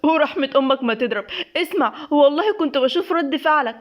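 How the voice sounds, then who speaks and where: A woman's voice: sits high, quick pace, muffled recording, voice pushed up, natural voice. A woman with an Egyptian accent voicing a playful, teasing young wife who coaxes and giggles. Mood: cheeky. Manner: giggly, cheeky and coaxing.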